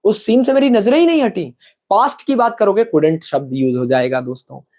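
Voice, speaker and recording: A man with an Indian accent teaching English in a live online lesson, explaining in Hindi and reading English lines slowly and carefully while checking that viewers follow. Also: high-pitched, animated, darkish tone. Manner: addresses viewers as friends, asks if they understood.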